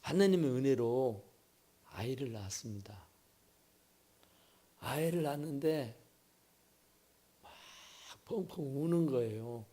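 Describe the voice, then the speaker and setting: A man preaching a sermon in a church, telling a story with sudden swings between loud bursts and hushed asides. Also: medium pitch, lively intonation, slow, long pauses. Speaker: pastor. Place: church sanctuary.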